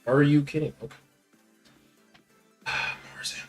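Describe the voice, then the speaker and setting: A young man giving live commentary on his card game, muttering one moment and yelling taunts the next, repeating his hype lines. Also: a little high, steady tone, slow pace, faint music behind. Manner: hype, repeats taunting phrases, swings from quiet muttering to shouting. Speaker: gaming channel host. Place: home gaming setup with monitor.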